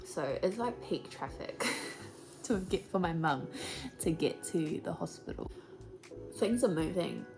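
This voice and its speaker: A young woman telling her own story in a casual vlog, chatty and animated, laughing often and acting out what others said. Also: fairly low pitch, measured pace, vocal fry, pauses often, over music, poor audio.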